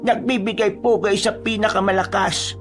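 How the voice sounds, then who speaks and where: A man voicing a wise old female village healer in a calm, knowing storytelling tone. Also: high voice, moderate pace, soft background music, pitched above the performer's own voice, natural voice. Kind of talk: storytelling voice acting.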